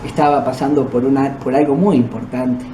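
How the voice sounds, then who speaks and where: Speaking briskly with a mid-range voice and fairly even intonation, this Uruguayan-accented podcast host tells, in a conversational way, of paranormal things that happened to him. The room is echoey, with noise in the background.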